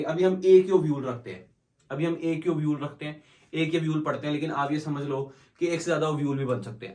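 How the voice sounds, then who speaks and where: Guy teaching bio, voice a bit high, asks himself questions n answers em, sounds far off in a roomy class. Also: a little mellow. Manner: explains in mixed Hindi and English, asks and answers his own questions; slows down to dictate English definitions. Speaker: biology teacher. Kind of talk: classroom lecture. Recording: echoey room from far off.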